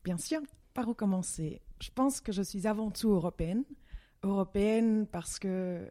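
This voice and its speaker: A woman's voice: mid-range voice, normal speed, dark tone. Hesitant woman in her thirties, interview guest. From Belgium. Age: 30s. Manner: hesitant, many fillers and restarts, friendly. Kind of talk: interview answers.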